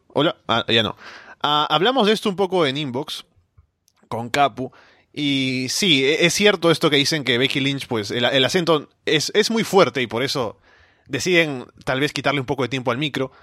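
Bright, animated man chatting. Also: mid-range voice, normal speed, dry recording, studio quality. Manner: animated, thinking aloud with fillers. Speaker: panelist. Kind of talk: casual wrestling podcast chat.

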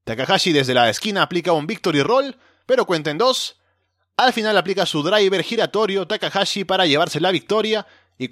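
A man with a fairly high voice works as a wrestling commentator, recapping a match move by move. He reports methodically, in a close, dry sound. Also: fairly bright tone, no room sound. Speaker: wrestling show co-host.

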